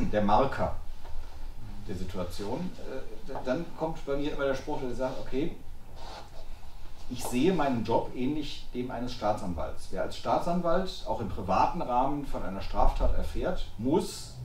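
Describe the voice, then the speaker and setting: A man in his forties with a Cologne accent talks to a small audience in an animated, emphatic, explanatory way. His voice sits at a medium pitch and is picked up from a distance, so the small room sounds roomy, with faint background noise. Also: unhurried. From Germany. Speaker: guest speaker, journalism researcher. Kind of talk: discussion talk before a small audience. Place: small salon room, indoors.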